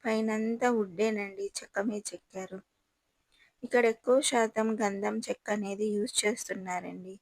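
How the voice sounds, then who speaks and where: A woman's voice: mid-range voice, steady tone, normal speed, darkish tone, no room sound, low-quality recording. A woman gives a chatty, admiring guided tour and talks straight to her viewers. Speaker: travel vlogger touring a palace. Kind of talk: casual guided tour narration.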